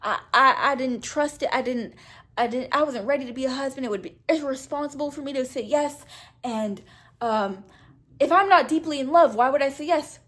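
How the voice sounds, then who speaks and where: A woman's voice: high-pitched, moderate pace, fairly bright tone. Woman mimicking a stammering defensive young man. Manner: stammering, self-justifying.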